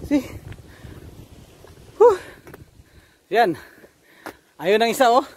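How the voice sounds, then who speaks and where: High-voiced man vlogging outdoors. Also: sing-song, drawn-out words, a little mellow, a little hiss or hum. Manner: panting and effortful while climbing. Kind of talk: casual vlog narration. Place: outdoors on a rocky seashore.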